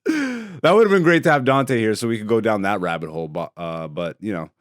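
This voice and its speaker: On his solo podcast, this man from Greece rambles between topics with laid-back, profane humor. His lowish voice is animated and brisk, captured in a dry, studio-quality recording.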